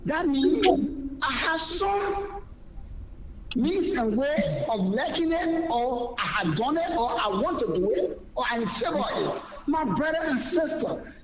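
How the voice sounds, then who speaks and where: Preaching caller on a muffled line. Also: male voice, very high voice, sing-song, slow pace, echoey room, a crowd in the background. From Liberia. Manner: preaching, emphatic and repetitive. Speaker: pastor caller. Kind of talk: phoned-in talk show call.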